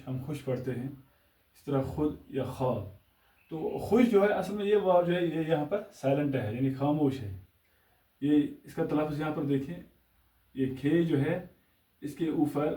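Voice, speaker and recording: A man's voice: fairly high pitch, warm tone, distant mic. A man teaching a grammar lesson, explaining patiently step by step with examples. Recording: echoey room, voice off-mic.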